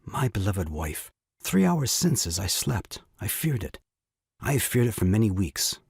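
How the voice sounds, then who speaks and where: Playing an exasperated, self-pitying new father in a theatrical audio farce, this actor gives a heavily acted, grandiloquent performance full of melodramatic woe. His lowish voice is sing-song, unhurried, gravelly and slightly rough, with a darkish tone. The recording is dry with clean studio sound.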